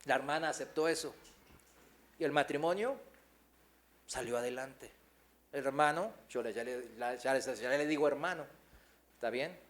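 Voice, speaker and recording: A man's voice: medium pitch, normal speed, pauses often. A male pastor, preaching a sermon full of rhetorical questions to his congregation.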